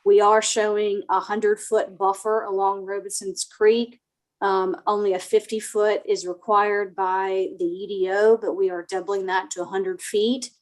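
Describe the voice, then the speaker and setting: Through a computer mic on a video call, a soft-spoken woman with a medium-pitched, flat voice gives a formal presentation to a town board as a project planner. She's slightly sick, speaks at a measured pace, and uses many fillers.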